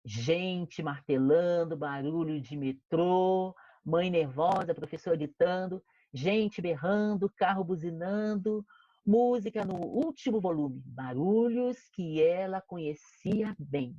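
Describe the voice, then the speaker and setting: Slow, expressive Brazilian woman teacher. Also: lowish voice, lo-fi sound. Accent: Brazilian Portuguese. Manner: expressive storytelling with playful sound words. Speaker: primary school teacher. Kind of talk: reading a children's story aloud in an online class.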